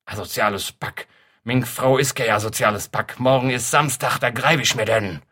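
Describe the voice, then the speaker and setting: A man voicing a furious working-class man who rants loudly in a Cologne dialect. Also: mid-range voice, moderate pace. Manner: angry, blustering, loud.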